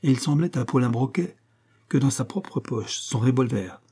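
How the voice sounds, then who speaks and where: Husky-voiced male audiobook narrator. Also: medium pitch, lively intonation, moderate pace, mellow. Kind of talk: scripted narration.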